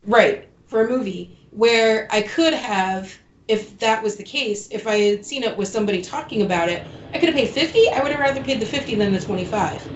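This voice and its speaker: A woman's voice: medium pitch, lively intonation, brisk, hardly any pauses, lo-fi sound, slight background noise. Woman sounding like she's in an echoing tunnel. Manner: chatty, full of "like" and "um" fillers. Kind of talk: casual podcast chat. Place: lying down while on a remote call. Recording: echoey remote call audio.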